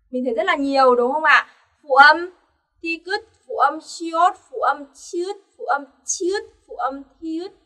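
High bright-voiced woman teaching. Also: recorded from a distance. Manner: clear, patient explaining with rhetorical questions to learners. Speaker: Korean language teacher. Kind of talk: scripted online lesson.

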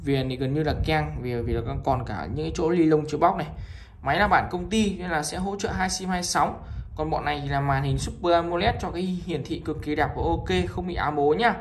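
A man with a northern Vietnamese accent gives an informal, repetitive sales pitch as a shop seller, presenting items one by one to viewers. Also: a little fast, slight background noise. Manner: repetitive, item-by-item selling with frequent appeals to viewers.

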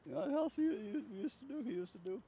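A man's voice: very high-pitched, animated, fast talker, creaky. An older man telling rambling, chuckling stories from his life, interviewed outdoors on a handheld mic. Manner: chuckling, rambling anecdotes with frequent laughs. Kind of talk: casual life-story storytelling. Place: outdoors on a bench. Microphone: handheld furry-windscreen mic held near chest. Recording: slightly dull sound, faint outdoor noise.

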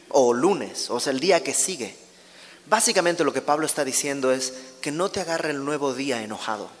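A man's voice: medium pitch, fairly bright tone, big-room sound, a little hiss or hum. A man teaching a verse-by-verse Bible study in a conversational way, often asking his listeners questions. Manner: conversational, asks the audience questions.

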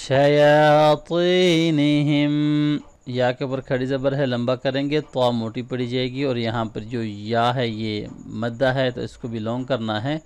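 A man teaching Quran recitation. He explains each rule quickly, then recites the words slowly and drawn out. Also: mid-range voice. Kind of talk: tajweed lesson, quick explanations between slow recitation.

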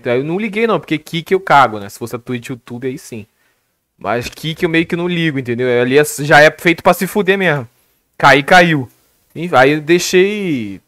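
Foul-mouthed Brazilian streamer, higher-pitched man. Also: no echo, studio quality. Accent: Brazilian Portuguese. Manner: swears constantly, animated storytelling. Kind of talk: casual live-stream rant. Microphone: headset.

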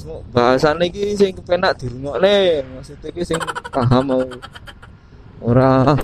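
Loud wind and engine noise fill this low-quality clip of a motovlogger riding country roads. He speaks with a Central Javanese accent in a slightly high voice, chatting casually, talking to himself, joking, and laughing often.

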